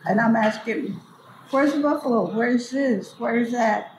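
Casual oral reminiscence comes from an older woman, a storyteller and elder of her community, whose fairly high voice keeps a measured pace. She repeats phrases to underline them and never rushes. Her words ring through an echoey hall at a cultural building, with background noise plainly heard.

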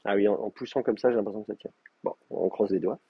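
A man's voice: fairly low pitch, fast talker, breathy edge, no echo, phone-quality sound. A man giving a live university classroom lecture, explaining with hesitant, stop-start delivery and frequent restarts. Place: classroom with in-person and remote students.

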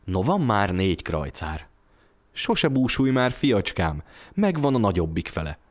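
A man's voice: on the low side, very animated. A man voicing a poor, frail young mother who keeps joking through hard times, told in an audio storybook. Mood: cheerful. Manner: playful, jokes through poverty.

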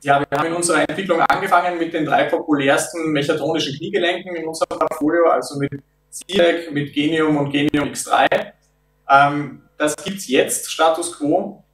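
A man in his thirties, a product developer, explains things in an interview in a measured way, often pausing on filler sounds. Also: fairly high pitch, steady tone, fairly bright tone. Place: office meeting room. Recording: roomy and distant.

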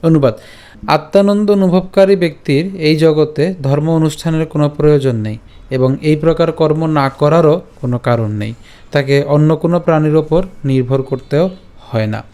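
A man leads a pronunciation lesson, chanting each verse line slowly. He then breaks the words into syllables and repeats them patiently. His voice sits somewhat high. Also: dark tone, clean tone. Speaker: Sanskrit recitation teacher.

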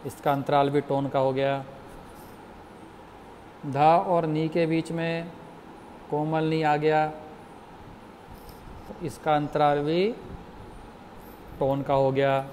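A man teaching music theory in a slow, patient lecture, explaining step by step and asking the class questions. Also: a little high, darkish tone, slight background noise.

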